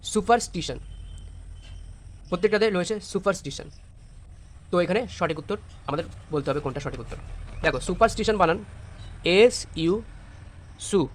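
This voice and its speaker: A man with a Bengali accent teaching an exam-prep English lesson, spelling words letter by letter and mixing Bengali with English. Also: high voice.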